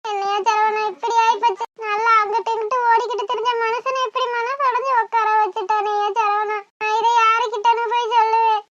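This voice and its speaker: A woman's voice: very high-pitched, level tone, a little fast, few pauses, fairly bright tone, no room sound. A woman voicing a fretful middle-aged village mother in a cartoon, with a southern Tamil Thoothukudi accent and a wailing, exclamatory way of talking. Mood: lamenting. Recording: muffled lo-fi cartoon dub.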